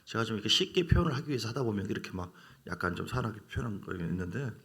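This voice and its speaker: Gravelly, animated male pastor preaching. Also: lowish voice, very fast. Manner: animated preaching, acts out quoted voices and asks the congregation questions. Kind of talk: Wednesday evening sermon.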